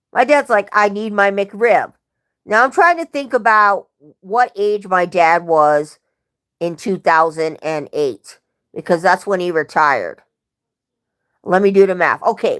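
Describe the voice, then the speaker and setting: Slow-talking woman chatting casually on a livestream. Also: mid-range voice, fairly bright tone. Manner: rambling, self-correcting storyteller. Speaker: livestream host.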